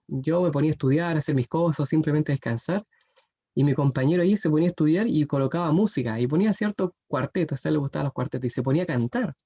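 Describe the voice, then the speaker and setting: Young man, youth sermon, earnest, mellow, muffled recording. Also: a little high. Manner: earnest, often adds "¿cierto?". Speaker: youth preacher. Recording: dull muffled sound.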